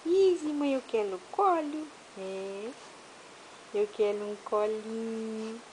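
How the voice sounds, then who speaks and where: Mom voicing a whiny hungry baby boy, high and slow. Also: noisy background. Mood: needy.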